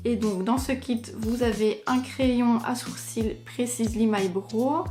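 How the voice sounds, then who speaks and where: A woman's voice: on the high side, steady tone, measured pace, mellow, faint music behind. A young woman, chatting casually as a beauty vlogger and filling her talk with little fillers. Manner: chatty, many fillers like "donc" and "ben". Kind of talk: casual chat.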